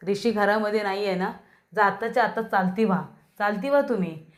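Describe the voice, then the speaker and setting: A woman reading the lines of a haughty woman who refuses to take in unwanted houseguests, in a sharp, dismissive tone. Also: mid-range voice, fairly even intonation, fairly quick, natural voice. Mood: scornful.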